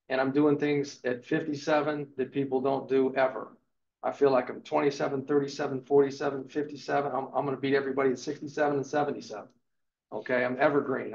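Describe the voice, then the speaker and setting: A man in his fifties giving an emphatic, motivational real estate lecture to a live class, punctuating points with "okay". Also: fairly high pitch. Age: 50s. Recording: echoey room, dull lo-fi sound.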